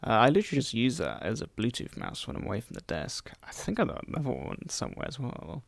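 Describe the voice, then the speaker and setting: A man narrating a voice-over for his tech vlog, croaky from a cold and explaining things in a slightly rambling way. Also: medium pitch, huge pitch swings, quick pace, no echo. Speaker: tech vlogger.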